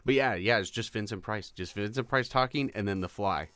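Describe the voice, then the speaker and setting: A man co-hosting a casual movie podcast, relaxed and halting, with many fillers and casual swearing. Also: fairly low pitch, no echo. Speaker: podcast co-host.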